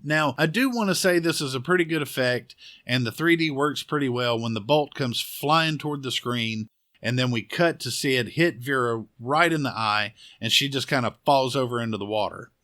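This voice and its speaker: A man's voice: mid-range voice, normal speed, sharp tone. A man recapping a horror movie scene by scene with sarcastic, crude humor. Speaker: horror film reviewer. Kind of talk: profane comedic movie recap.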